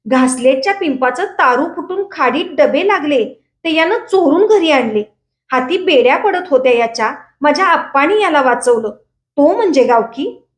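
A woman's voice: sits high, expressive, normal speed, roomy sound. A woman reading aloud in the voice of a hot-tempered young village man who hurls defiant accusations. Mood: furious. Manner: defiant, loud accusing outbursts.

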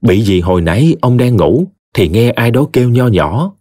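A man with a Southern Vietnamese accent narrating a story in an expressive, folksy way. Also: mid-range voice, normal speed, no echo, clean studio sound.

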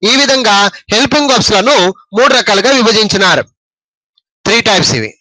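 A man with a high, bright voice and a Telugu accent teaches an English grammar lesson. He talks slowly and repeats himself, often stopping to quiz his listeners. The sound is dry and close. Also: animated, no echo, low-quality recording. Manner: explains slowly, repeats words and quizzes the listeners.

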